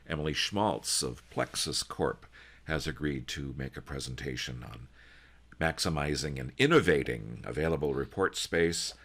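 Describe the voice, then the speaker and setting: A man's voice: extremely low pitch, a bit bright. A man hosting an online user group meeting, casual and joking, with frequent ums and restarts, heard over a video call. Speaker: user group organizer and host.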